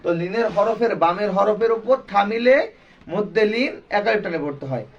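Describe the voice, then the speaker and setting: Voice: mid-range voice, a little fast, distant mic, dull audio, noisy background. A Quran recitation teacher giving a classroom lesson, drilling the students with repeated questions and call-and-response.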